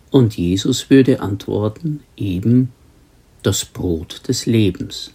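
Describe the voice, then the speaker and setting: A man preaching a sermon, reading scripture slowly and stressing single words. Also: mid-range voice, warm tone, husky.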